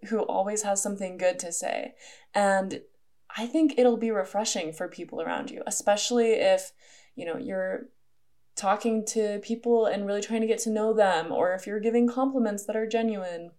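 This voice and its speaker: A woman's voice: mid-range voice, dark tone. A young adult woman hosting a solo podcast, talking in a casual, earnest way with many fillers. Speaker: podcast host.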